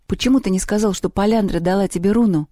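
A reader voicing a soft-spoken girl who talks quietly and reproachfully. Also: medium pitch, quick pace, no room sound, studio quality, pitched above the performer's own voice, natural voice.

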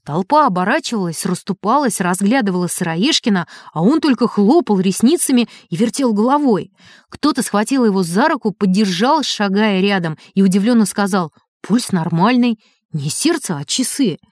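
A woman narrating a storybook in an expressive, animated way. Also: medium pitch, brisk, dry recording, studio quality.

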